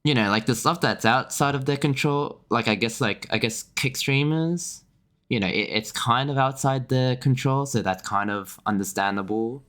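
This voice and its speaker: A young man streams a game and chats casually, rambling with lots of fillers, restarts and little chuckles. His mid-range voice is a bit bright and keeps a moderate pace.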